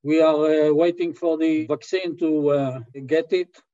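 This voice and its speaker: A man in his eighties from Israel with an Israeli accent, answering interview questions slowly with many hesitations over a remote call. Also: on the high side, steady tone, dark tone. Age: 80s. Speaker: guest. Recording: dull lo-fi call audio.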